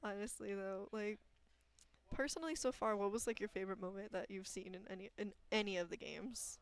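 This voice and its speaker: An excitable young woman chats through a college esports broadcast as co-caster. She gushes, trips over her words and repeats herself, with a voice at an ordinary middle pitch. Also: a little fast. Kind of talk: casual live commentary chat.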